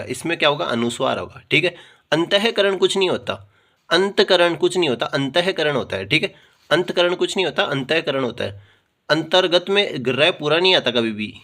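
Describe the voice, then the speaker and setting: A man's voice: on the high side, pushed and bright. A man teaching a Hindi grammar lesson, explaining patiently and checking in with "theek hai" after nearly every point, repeating words to drill them. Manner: repeats words slowly and drills correct spellings.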